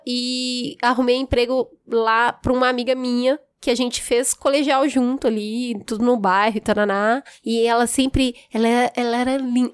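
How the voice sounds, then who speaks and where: A woman's voice: fairly high pitch, dry recording. A woman from Belo Horizonte, co-hosting a talk show and telling a personal story in casual chat, acting out the quoted dialogue. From Belo Horizonte, Brazil. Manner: animated, acts out quoted dialogue.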